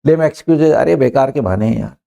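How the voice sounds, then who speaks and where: A man teaching English phrases in Hindi, stretching the English examples out slowly and often adding "है ना". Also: mid-range voice, vocal fry, warm tone. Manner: slow, drawn-out when saying English examples; repeats fillers like "है ना" and "मतलब".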